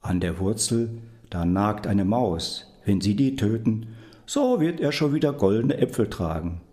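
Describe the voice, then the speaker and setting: A man voicing a grumpy, blustering devil in a storybook reading, speaking gruffly. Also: lowish voice, big pitch swings, measured pace, warm tone. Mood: threatening.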